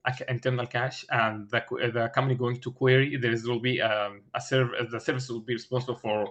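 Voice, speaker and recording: A man explaining a technical design as an interview candidate, haltingly, searching for words with many filled pauses and repeated starts. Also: mid-range voice, level tone, a bit bright. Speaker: engineering candidate in a mock system design interview. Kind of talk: thinking aloud through a technical design explanation.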